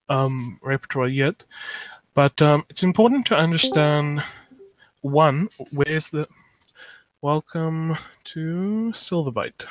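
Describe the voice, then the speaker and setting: A South African chess lecturer teaches live over an online call, often pausing with fillers as he thinks aloud and answers chat. His voice is fairly high. The desktop mic gives a dry, close, rough-sounding recording.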